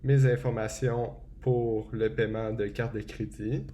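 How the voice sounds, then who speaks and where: Guy doing a screen tutorial, warm low-key voice, lots of euhs, slight hiss behind. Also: measured pace. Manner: relaxed and explanatory, frequent hesitations. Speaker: tutorial presenter. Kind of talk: screen-recorded software tutorial.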